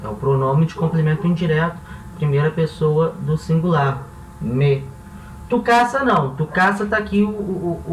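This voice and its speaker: A man from Brazil teaching a grammar lesson, explaining each step slowly and checking in with his listeners as he goes. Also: fairly high pitch, distant mic, a little hiss or hum. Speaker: language teacher. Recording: echoey room, voice off-mic.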